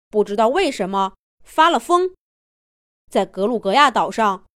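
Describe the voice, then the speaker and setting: A woman's voice: a little high, dry recording, clean studio sound, natural voice. A woman voicing a grave, commanding triceratops team captain who rallies his team solemnly in a children's audio story. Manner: solemn, rallying.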